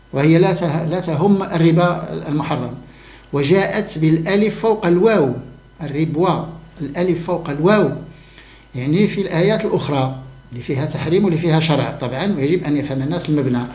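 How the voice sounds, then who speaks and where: A man's voice: a little high, a little mellow, roomy sound. A man giving an emphatic monologue to camera, repeating key words for stress. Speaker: religious commentator.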